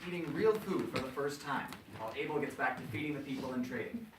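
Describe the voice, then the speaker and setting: A man's voice: medium pitch, fast. A man reading a play's stage directions aloud, plainly and matter-of-factly. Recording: echoey, distant, noisy stage recording.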